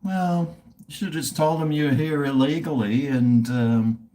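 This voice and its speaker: On a rough recording, a middle-aged livestream host with a fairly high, steady, dark-toned voice speaks unhurriedly. He rambles over a beer in a relaxed, blokey way, swearing freely.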